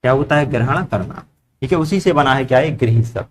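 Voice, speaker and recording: A man's voice: medium pitch, fast talker, a little hiss or hum. A man teaching a grammar lesson to a class, asking the students questions and repeating their answers back. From India.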